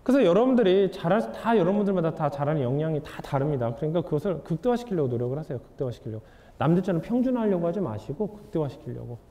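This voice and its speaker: In a lecture hall with audible reverb, a young man lectures with a high, sing-song, warm voice at a fast pace. He keeps it candid and conversational, asking the audience questions.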